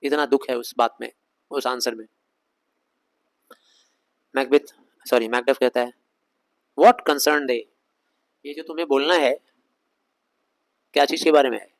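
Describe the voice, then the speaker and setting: A man's voice: mid-range voice, fairly even intonation, rough recording. Indian guy teacher, drawls the english lines then talks it through in hindi, asks the class questions. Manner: reads English lines slowly, explains them fast in Hindi; conversational, asks rhetorical questions of students. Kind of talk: line-by-line Shakespeare lesson explained in Hindi.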